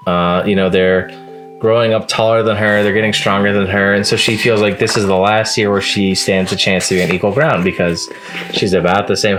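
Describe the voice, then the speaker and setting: A man's voice: fairly low pitch, a bit bright. A man casually reviewing the manga he read that week, rambling along with lots of fillers and restarts. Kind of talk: casual reading-log review.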